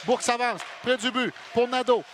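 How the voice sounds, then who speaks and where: Excited, high-pitched Quebec man calling hockey. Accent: Quebec French. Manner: builds from quick narration to shouted goal calls. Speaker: hockey play-by-play commentator. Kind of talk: live excited sports commentary. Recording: noisy arena sound behind the voice. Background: arena noise.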